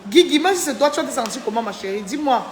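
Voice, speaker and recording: A woman's voice: high voice, expressive, fast talker, roomy sound, in a large hall, slight background noise. A tired woman chatting on a live stream, thanking viewers by name and venting about a falling-out. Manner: chatty, reads out viewer names, indignant. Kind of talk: casual live-stream chat.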